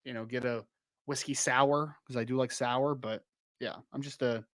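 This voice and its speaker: Hosting a casual live-stream podcast and reading out chat messages, a young man speaks at normal speed in a medium-pitched, fairly bright voice with fairly even intonation, a bit worn as he starts losing his voice. He rambles, laughs readily, and keeps restarting and saying "like," with no echo in the recording.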